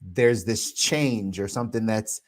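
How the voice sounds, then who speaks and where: Low-voiced man in his thirties, reflective. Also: a little slow. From United States. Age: 30s. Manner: reflective, thinks aloud with many "right?" asides. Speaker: podcast co-host. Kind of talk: casual chat.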